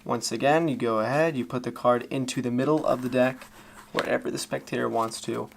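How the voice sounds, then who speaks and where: A man giving a casual, loosely improvised card-trick tutorial in magician patter, talking informally to viewers with a gravelly voice. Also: mid-range voice, fairly even intonation, a little fast. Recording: faint background noise.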